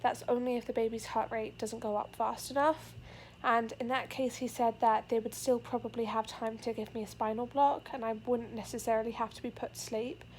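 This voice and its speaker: This casual pregnancy vlog features a young expectant mother talking into her camera with a high-ish, slightly mellow voice that stays level and moves briskly. She's a bit breathless and earnest, wandering through her update with many fillers. The low-quality recording carries slight background noise.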